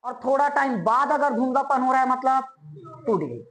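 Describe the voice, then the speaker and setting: A woman with a somewhat high-pitched voice teaches a chemistry lesson. She keeps asking quick questions to check that her students follow, then answers them herself. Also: animated, a bit bright, low-quality recording. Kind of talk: classroom lecture.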